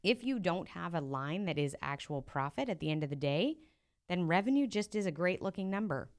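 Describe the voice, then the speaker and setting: Woman, podcast coach, smooth clear voice, slightly low, direct and encouraging, rhetorical questions. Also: darkish tone. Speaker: podcast host and profit coach. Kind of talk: solo podcast coaching talk.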